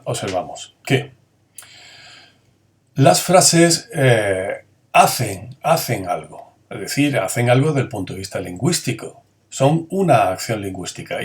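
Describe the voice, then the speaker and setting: A man with a medium-pitched voice runs a grammar lesson. He puts questions to the students, answers them on his own, and acts out the intonation of each example sentence.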